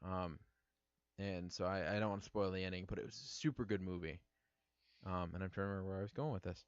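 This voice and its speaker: A very deep-voiced man co-hosting a casual podcast, rambling through a movie retelling with fillers and restarts. The recording is dull and lo-fi, with a dry, close sound on a near mic. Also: fairly even intonation, fast, clear, resonant tone, no room sound. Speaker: podcast co-host.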